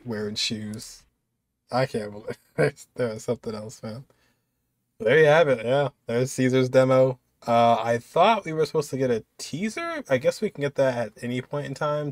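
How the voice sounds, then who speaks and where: A reaction host in his twenties offers casual, off-the-cuff commentary while watching a video. His voice is middle-pitched and his pace moderate, and the recording is dry.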